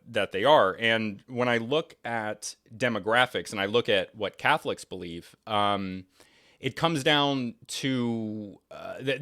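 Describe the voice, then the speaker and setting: Bright-voiced rambling young man from New England. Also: on the low side. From New England, United States. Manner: rambling, many restarts and fillers, opinionated. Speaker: podcast guest. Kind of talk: casual conversational discussion.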